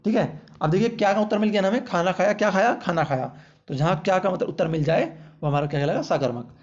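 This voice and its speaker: High-voiced man teaching grammar, lo-fi. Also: quick pace, a little mellow. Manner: repeats "ठीक है" and quizzes the listener with "हमारा क्या है"; jokey, uses playful baby-talk examples. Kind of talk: exam-prep grammar lesson. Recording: dull lo-fi audio.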